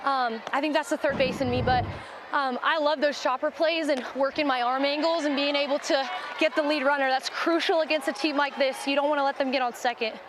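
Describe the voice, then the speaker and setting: Woman, young adult, softball player, mic'd up mid-game, upbeat, breathless, high voice, noisy outdoor mic. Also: steady tone, fairly quick. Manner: bubbly, upbeat, cheers teammates mid-play. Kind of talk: live in-game interview. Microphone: wireless body mic.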